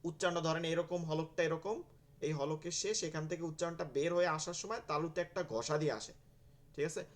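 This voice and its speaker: A man teaching Arabic letter sounds in an online class, slowly repeating each sound for his students. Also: a little high, fairly even intonation. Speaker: Quran teacher. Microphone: video call.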